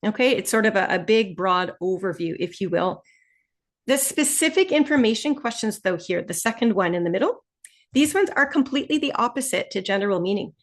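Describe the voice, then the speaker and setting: Teaching a test-prep webinar online, a Canadian woman with an Ontario accent speaks in a mid-range voice with lively intonation, explaining in a friendly way and slowing down to stress key points.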